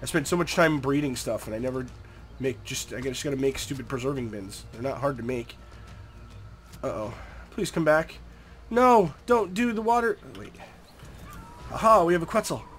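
In a mid-range, fairly bright voice at normal speed, a young man gives casual commentary over a game. A cold leaves him stuffy and nasal, and he chats easily, talking to the creatures he sees.

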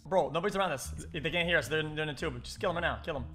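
A man explaining quickly over group voice chat during an online game. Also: on the high side, sharp tone. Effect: heard over group voice chat in an online game. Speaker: game player. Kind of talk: casual gaming banter.

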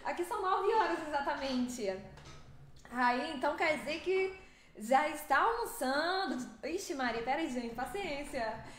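Young Brazilian woman, very high voice, rapid chatty game streaming, laughing often, roomy echo. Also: a little hiss or hum. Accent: Brazilian Portuguese. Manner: lively, fast-talking, laughs often. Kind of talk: live stream chat with viewers.

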